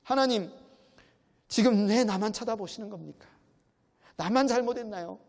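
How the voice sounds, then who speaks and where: Anguished pleading sufferer, high voice; a pastor doing it; echoing hall. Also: male voice, normal speed, vocal fry, darkish tone. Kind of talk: sermon. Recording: long hall reverb.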